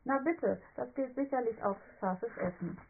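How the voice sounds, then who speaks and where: A woman voicing a bossy, eager young girl who talks in a commanding, excitable way. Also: on the high side, moderate pace, narrow, tinny audio, a little hiss or hum, pitched above the performer's own voice, close to an everyday voice. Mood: excited.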